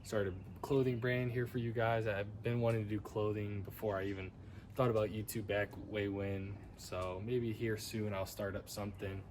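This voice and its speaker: A nineteen-year-old man rambling casually in a monotone for his vlog, tired late at night. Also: fairly low pitch, moderate pace, slight background noise. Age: young adult. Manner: self-described monotone, relaxed and rambling. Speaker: vlogger.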